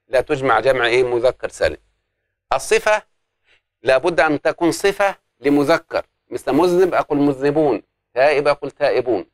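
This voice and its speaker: A man's voice: medium pitch, no echo, studio quality. A man teaching an Arabic grammar lesson, explaining step by step and putting questions to the class that he answers himself.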